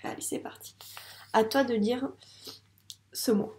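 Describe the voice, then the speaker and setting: A woman's voice: fairly high pitch, steady tone, unhurried, a little mellow, roomy sound, a little hiss or hum. A French-accented woman teaching young children to read, speaking patiently and sounding out syllables with care. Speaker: primary school teacher. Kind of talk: slow, clear teaching video for young children.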